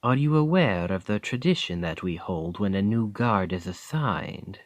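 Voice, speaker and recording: For an ASMR roleplay, a male actor takes on the part of a seasoned royal bodyguard who speaks with a French accent, wry, testing and measured. The voice is lowish with lively intonation, and the acting is light.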